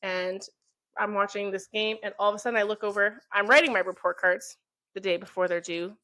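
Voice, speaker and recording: A woman's voice: medium pitch, steady tone, fairly quick, noisy background. A woman in her twenties co-hosting a podcast, easygoing, often answering with "mm-hmm" and "sure.". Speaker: podcast co-host. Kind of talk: casual chat.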